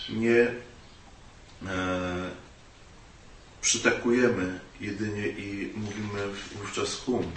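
A man interpreting a Buddhist talk, hesitant and full of filler sounds. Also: fairly low pitch. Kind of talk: consecutive interpreting of a dharma talk. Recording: echoey room, distant mic, faint hiss.

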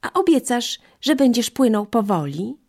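A woman doing a squeaky clever monkey. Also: normal speed. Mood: cautious. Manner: high, excitable, squeaky. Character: clever, cautious female monkey.

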